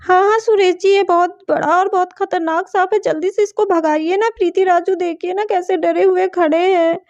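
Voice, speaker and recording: A woman's voice: extremely high pitch, fairly even intonation, normal speed, a little mellow, no room sound. A woman voicing a fussing anxious mom. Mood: anxious, urgent. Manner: urgent, fussing. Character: worried caring mother of two. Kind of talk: doll story voice acting. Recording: dull dry home recording.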